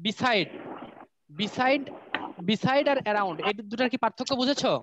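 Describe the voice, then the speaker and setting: A man's voice: very high voice, takes it slowly. A male schoolteacher with a Bangladeshi Bengali accent, teaching a classroom English lesson. He explains step by step and keeps quizzing his pupils. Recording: dull lo-fi sound with loud room noise.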